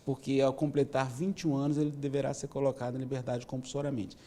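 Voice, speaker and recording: Mellow-voiced man in his fifties. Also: mid-range voice, flat delivery. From Minas Gerais, Brazil. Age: 50s. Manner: measured, explanatory, with many "né" tags. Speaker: police chief, interview guest. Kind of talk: interview answers.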